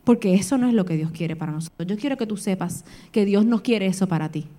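A woman preacher delivering a sermon, animated and swinging between soft and loud. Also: medium pitch, quick pace.

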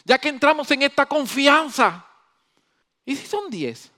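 A preacher doing a pleading old Abraham. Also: male voice, extremely high pitch, big pitch swings, measured pace, bright, forceful tone, pitched above the performer's own voice, heavily acted. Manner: pleading, coaxing.

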